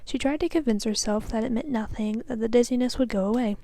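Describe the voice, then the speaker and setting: A woman student reads a children's novel aloud with a soft, breathy delivery. Her voice sits fairly high but sounds mellow rather than bright, and she reads carefully, stumbling now and then. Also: fast. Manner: careful, soft reading with small slips. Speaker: student reader.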